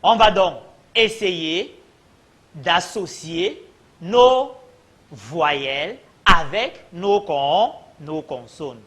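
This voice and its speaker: A man teaching young children to read, sounding out letters and syllables slowly and clearly, calling the class his friends. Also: sits high, expressive, a bit bright. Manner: slow, drawn-out sounding of syllables. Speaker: primary school teacher. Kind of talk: children's reading lesson.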